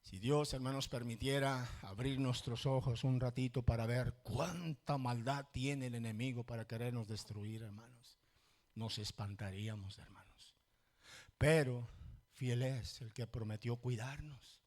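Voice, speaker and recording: A male pastor preaching a sermon in a church, repeating "hermanos" constantly and swinging from low murmurs to loud shouts. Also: fairly even intonation, a little slow.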